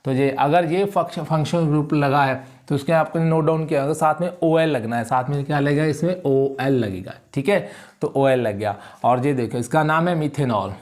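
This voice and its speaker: A male chemistry teacher giving a classroom lecture. He keeps asking whether students follow and repeats key terms slowly so they can write them down. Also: on the high side. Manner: checks understanding with repeated questions; calls students "beta" warmly.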